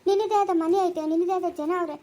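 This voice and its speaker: A woman's voice: very high voice, fast, dark tone. A woman with a Chikkaballapura Kannada accent acting in a family drama, scolding and quarrelsome. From Karnataka.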